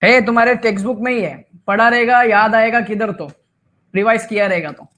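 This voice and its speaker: A man's voice: sits high, steady tone, a little fast, sharp tone. A man teaching an online class, quizzing students and teasing them with Marathi asides. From Maharashtra. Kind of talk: live online class lecture.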